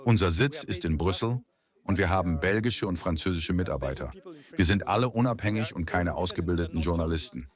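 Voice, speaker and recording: A man's voice: deep voice, animated, fairly quick. A man from France with a French accent, French his first language, answering questions emphatically in a street interview. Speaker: alternative media reporter. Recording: crowd chatter behind.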